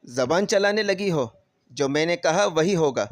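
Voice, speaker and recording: A man voicing a cruel, harsh stepmother who scolds and barks orders in a sharp tone. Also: on the high side, lively intonation, no echo, clean studio sound, close to an everyday voice. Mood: harsh scolding. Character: harsh cruel stepmother, middle-aged woman.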